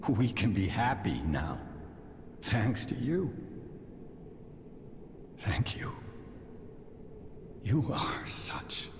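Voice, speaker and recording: A sinister, doting old puppet maker murmurs in a low, breathy hush in this game cutscene. His pitch swings widely while he drags each word out. A long hall reverb and a clear ambient wash surround him. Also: sing-song, drawn-out words, long pauses, whispered, heavily acted. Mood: eerily tender. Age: older. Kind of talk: video game cutscene dialogue.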